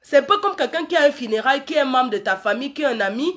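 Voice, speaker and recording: A woman's voice: high-pitched, very fast. A woman, ranting to her viewers in a casual live stream and firing off rhetorical questions. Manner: animated, argumentative, asks rhetorical questions. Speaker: vlogger addressing viewers.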